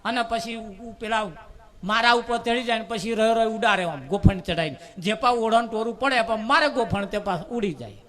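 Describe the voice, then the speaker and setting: High-pitched bright preacher. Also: male voice, normal speed. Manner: animated folksy storytelling with repeated words. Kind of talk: storytelling sermon at a devotional gathering.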